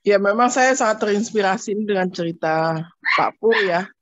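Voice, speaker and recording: A woman joins a church group discussion and speaks up loudly and earnestly. The sound is dry and close, but dull, like audio from an online call. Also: mid-range voice, moderate pace, dry recording. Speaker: Bible study participant.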